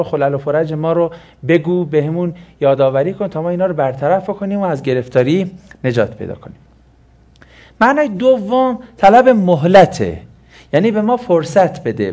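A man with a slightly higher than usual voice teaching a lesson on Quranic exegesis. He explains step by step and often poses a question before answering it himself. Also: darkish tone.

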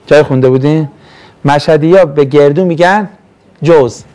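A man's voice: fairly high pitch, warm tone. A man from Mashhad teaching a classroom lesson on Quran verses, chatty and joking, often asking his students questions. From Mashhad, Iran. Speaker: religious studies teacher.

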